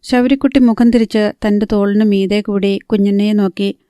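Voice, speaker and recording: Female audiobook narrator, steady and mellow, dry close sound. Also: medium pitch, moderate pace, clear, resonant tone, no echo. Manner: steady, even storytelling. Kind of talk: scripted novel narration.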